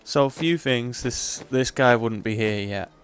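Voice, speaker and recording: A man's voice: mid-range voice, a little slow, a little hiss or hum. A man giving casual commentary as he plays a video game. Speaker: let's play commentator.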